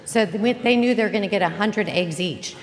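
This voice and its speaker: Speaking briskly at medium pitch, a woman interim pastor jokes and chats while welcoming her congregation to an Easter sermon. It's recorded in a reverberant church sanctuary with faint ambience.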